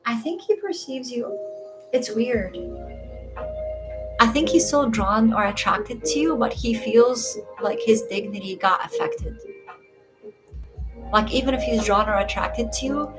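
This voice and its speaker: A woman's voice: on the high side, measured pace, long pauses, over music. A woman from Egypt doing tarot readings on a casual livestream, talking reassuringly to viewers and calling them dear. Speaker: tarot reader.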